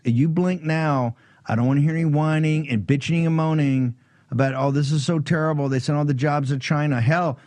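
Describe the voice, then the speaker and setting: A man's voice: fairly high pitch, darkish tone, no room sound. A man hosting a political talk show, delivering a fiery, blunt monologue with sarcasm and swearing.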